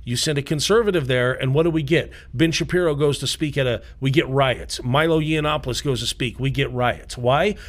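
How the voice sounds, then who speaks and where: A man's voice: medium pitch, fairly quick, few pauses. A man co-hosting a podcast debate, talking emphatically and firing off rhetorical questions in a studio. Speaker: podcast co-host.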